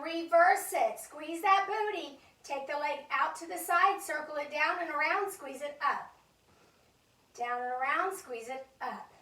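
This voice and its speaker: Leading a Pilates chair class in a fitness studio, this female instructor counts out reps and cheers the group on while a little winded. Her voice is high and somewhat bright, picked up from far away in an echoey room.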